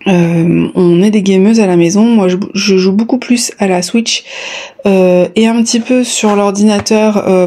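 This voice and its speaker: A woman vlogger chatting casually to viewers, slightly short of breath, in a halting way with drawn-out pauses. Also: medium pitch, mellow. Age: adult, a parent of a child. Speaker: YouTube vlogger. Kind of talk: casual chat to viewers, unboxing.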